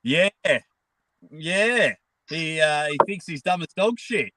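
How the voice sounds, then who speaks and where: Slow and expressive, his voice a little high, this Australian guest chats from a car on a live stream, blunt, foul-mouthed and joking. He's an arm wrestling personality with a congested, blocked-nose sound, and there's background noise in the clip.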